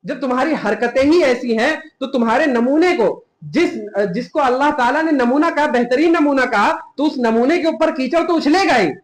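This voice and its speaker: A man's voice: extremely high pitch, normal speed, hardly any pauses, poor audio. A young man giving an impassioned sermon, scolding his listeners and quoting scripture in Arabic. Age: young adult. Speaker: preacher.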